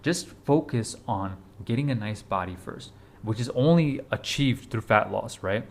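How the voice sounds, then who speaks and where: A creaky, fairly low voice, expressive but measured in pace, comes from a twenty-something fitness vlogger speaking to camera. The motivational talk is casual, urgent, repetitive and blunt, with casual swearing.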